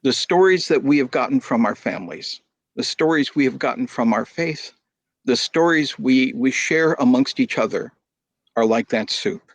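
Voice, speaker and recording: A man telling a folk tale in an animated, theatrical way over a video call. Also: mid-range voice, moderate pace, no room sound. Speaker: storyteller. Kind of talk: storytelling performance.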